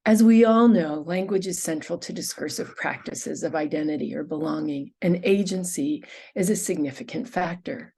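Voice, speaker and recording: A woman presenting a prerecorded academic conference talk, reading from a script at a measured pace. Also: fairly low pitch, mellow, husky.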